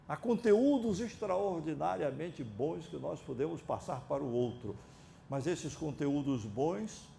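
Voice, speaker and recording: Gravelly Brazilian man lecturing reflectively. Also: a little high, warm tone, a little hiss or hum. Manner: reflective, digressive, with drawn-out pauses and "ah" fillers. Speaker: psychiatrist giving a lecture. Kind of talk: unscripted lecture. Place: auditorium.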